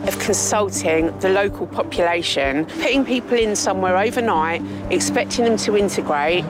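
A woman's voice: mid-range voice, moderate pace, music in the background. Firm woman resident giving her view. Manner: firm, reasoned. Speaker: local resident. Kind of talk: street interview.

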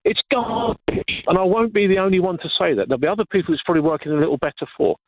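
A man's voice: sits high, expressive, rapid-fire. A middle-aged Englishman calling a radio show, ranting with passion and frustration. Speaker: caller. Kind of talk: phone-in rant. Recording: phone line.

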